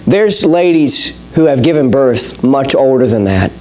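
A man's voice: medium pitch, lively intonation, a little slow, a little mellow. A male pastor preaching a sermon in an earnest, conversational way with touches of light humor, speaking to a church congregation. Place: church service.

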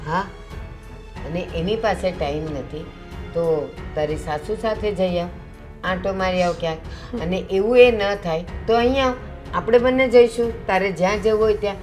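A middle-aged woman playing a sensible mother who calmly lectures her daughter. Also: mid-range voice, normal speed, soft background music, close to an everyday voice. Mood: lecturing. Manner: calm, lecturing.

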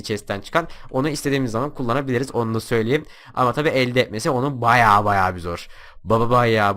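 A young man giving excitable commentary over his own gameplay and taunting the other players. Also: mid-range voice. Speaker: gaming YouTuber.

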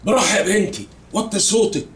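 A man's voice: sits high, animated, quick pace, a bit bright, echoey room. An actor playing a stern older father with an Egyptian accent, scolding his daughter. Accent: Egyptian Arabic.

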